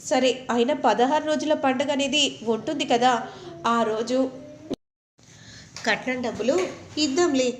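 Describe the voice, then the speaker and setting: A woman's voice: high-pitched, slight background noise, natural voice. Woman reading bossy busy sister-in-law, matter-of-fact, echoey.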